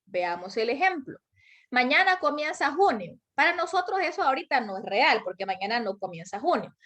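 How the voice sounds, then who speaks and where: Woman, high-pitched, teacher, online lecture, asks students questions, many examples. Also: a bit bright.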